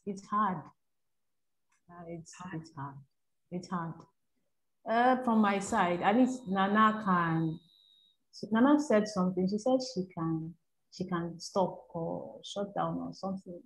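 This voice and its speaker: A woman with a mid-pitched voice speaks as a guest on an online panel. She talks hesitantly, pausing with fillers and laughing easily. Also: rough recording.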